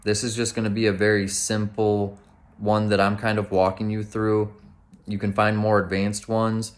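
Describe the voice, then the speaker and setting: A man with a slightly low voice talks through meditation practice like an informal instructor. His delivery is plain-spoken and conversational, explaining things step by step in everyday language. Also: monotone, moderate pace. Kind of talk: casual instructional talk on meditation.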